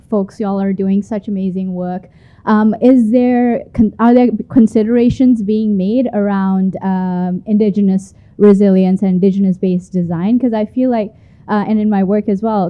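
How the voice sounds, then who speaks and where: Woman from malaysia asking the panel a question, earnest, tinny thin sound. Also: medium pitch. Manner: earnest, searching, many fillers. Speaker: audience member asking a question.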